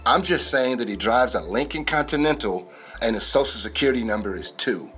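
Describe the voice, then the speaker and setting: A man's voice: mid-range voice, expressive, a little fast, sharp tone. A man hosting a podcast, reading a scripted comedic sports news monologue in a slangy, wisecracking way. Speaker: podcast host. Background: music bed.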